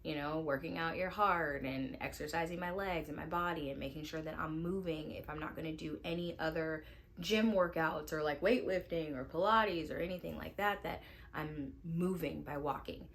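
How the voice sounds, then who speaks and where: A woman in her thirties talks to her camera at home in a loose, chatty vlog style, scattering "like" through her sentences. Her voice sits low for a woman, and a faint hiss hangs under it. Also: normal speed. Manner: relaxed, chatty, lots of "like" fillers. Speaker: lifestyle vlogger and mom. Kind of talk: casual vlog chat to camera. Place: at home indoors.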